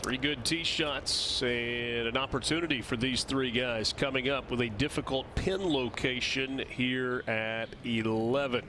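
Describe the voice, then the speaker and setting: A man's voice: medium pitch, measured pace, few pauses, sharp tone, slight background noise. A man calling golf play-by-play as the lead commentator on a broadcast.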